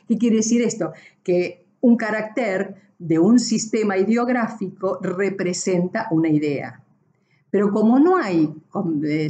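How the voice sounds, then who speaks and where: Warm-voiced woman lecturing. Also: lowish voice. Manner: explanatory, with frequent tag questions and self-corrections. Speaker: university lecturer. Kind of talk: recorded class lecture.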